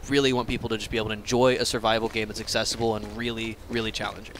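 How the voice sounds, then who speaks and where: A man who works as a game developer, talking excitedly while playing and laughing often. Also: on the low side, racing, a little hiss or hum, rough recording. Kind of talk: casual gameplay chat. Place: game studio office.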